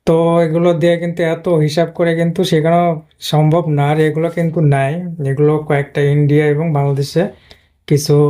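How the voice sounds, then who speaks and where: A male English teacher talks through a lesson on screen. He explains patiently and repeats himself often. His voice is mellow and dark, and it stays on an even, flat pitch. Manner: patient, repetitive explaining with frequent "but" fillers. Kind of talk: screen-based video lesson.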